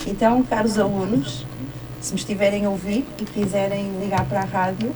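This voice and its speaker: A woman's voice: medium pitch, fairly even intonation, a little fast, darkish tone, low-quality recording. A woman from northern Portugal with a European Portuguese accent, speaking casually as a guest in a radio interview. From Trás-os-Montes, northern Portugal. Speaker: studio guest, a doctor by title. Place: radio studio. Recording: noticeable background noise.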